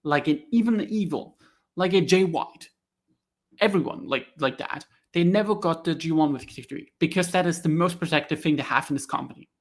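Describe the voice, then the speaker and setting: A man's voice: fairly high pitch, moderate pace. A man hosting a wrestling review channel, ranting heatedly in solo commentary with swearing and frequent fillers.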